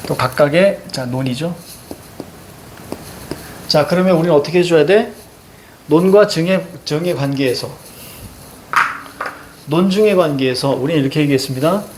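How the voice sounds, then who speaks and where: A man's voice: a little high, normal speed, pauses often, noisy background. A man teaching a Korean reading class, walking students through a text and checking their understanding with short prompts. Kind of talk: classroom lecture.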